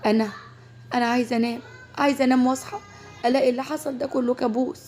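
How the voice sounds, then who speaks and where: A woman's voice: high voice, steady tone, very fast, a little mellow, faint music behind, close to an everyday voice. A woman voicing a frightened young woman who pleads and frets, with an Egyptian Arabic accent. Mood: tearful.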